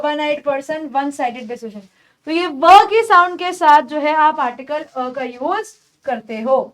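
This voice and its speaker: A young woman giving an English grammar lecture in Hindi, explaining rules step by step and saying the example sentences slowly. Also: high voice. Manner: explains step by step, calls students "beta"; spells out slow, drawn-out English examples. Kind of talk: online exam-prep lecture.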